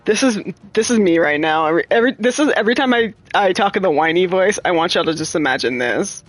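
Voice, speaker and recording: Lively, foul-mouthed woman streamer. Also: fairly low pitch, fast talker, no echo, soft background music. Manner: profane, playfully dramatic, laughs often. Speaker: game streamer. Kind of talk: live gameplay stream chat. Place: her room at home.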